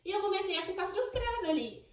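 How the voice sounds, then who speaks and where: A young Brazilian woman telling her own story on her channel in an emotional, animated way, acting out what people said. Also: extremely high pitch, fast talker, roomy sound, far from the mic, low-quality recording. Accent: Brazilian Portuguese. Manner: emotional, animated storytelling, voicing remembered exchanges. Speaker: channel host. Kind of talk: personal birth story vlog.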